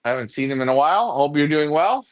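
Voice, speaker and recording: Quick and animated, a slightly high male voice co-hosts a pigeon racing show with no room sound. He chats loosely, wanders from story to story, and imitates voices when quoting people.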